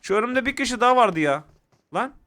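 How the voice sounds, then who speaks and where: A young man giving excitable, casual commentary to viewers while playing a mobile shooter game. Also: very high voice, a little fast, heavy background noise.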